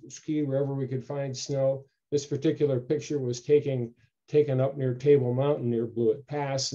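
An older man with a medium-pitched voice tells local history stories in an informal slide-show talk over a video call, clearing his throat often as he relaxes into the storytelling. He sits in a home room with bookshelves, and the webcam audio sounds dull and lo-fi.

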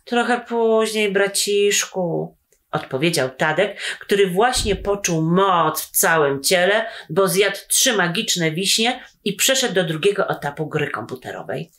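Woman reading a children's story aloud. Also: on the low side. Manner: slow, expressive storytelling. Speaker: author reading her story.

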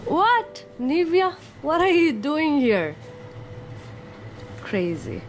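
A woman's voice: high-pitched, very animated, drawn-out words, a little hiss or hum. A young woman vlogging casually in a small grocery shop, joking with her friend and the viewers. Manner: playful, joking, talks to viewers. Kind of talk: casual vlog chat. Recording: background music over the sound.

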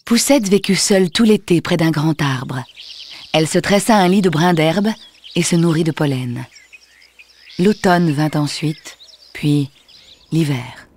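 A woman narrating a children's storybook in a gentle, expressive reading. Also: deep voice, a little slow, long pauses. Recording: music under the voice. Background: soft music.

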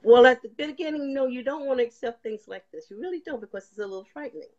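A woman's voice: on the high side, animated, rapid-fire, dark tone. An older woman giving a personal faith testimony as a guest, telling her story and acting out past conversations. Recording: slightly dull lo-fi sound.

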